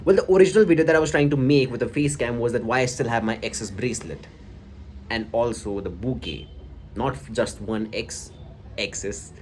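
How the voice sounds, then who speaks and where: A young man with an Indian accent talks casually and haltingly, reflective and a little self-conscious as he shares his old diary. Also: mid-range voice, darkish tone. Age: young adult. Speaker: vlogger. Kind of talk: casual personal storytelling, reading from an old diary. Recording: clearly audible background noise.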